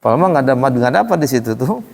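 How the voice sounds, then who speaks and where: A man teaching Quran recitation to a small class in a relaxed, chatty way, acting out how questions sound. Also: medium pitch, rapid-fire, vocal fry. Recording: echoey room with long reverb.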